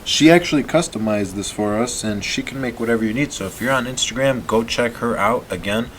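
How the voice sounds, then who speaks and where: A man in his late twenties co-hosting a casual podcast, easygoing and quick to laugh. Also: medium pitch, a bit bright, a little hiss or hum. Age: 20s. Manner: easygoing, laughs often, reads sponsor plugs. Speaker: podcast co-host. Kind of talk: casual chat.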